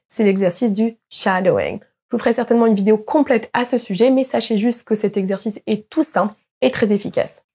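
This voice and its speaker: A young woman with a fairly high, slightly husky voice leads an online pronunciation lesson. She explains step by step in a patient, mellow tone, slowing right down to model each example word. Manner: patient explaining, slowly modeling English words. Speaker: English teacher.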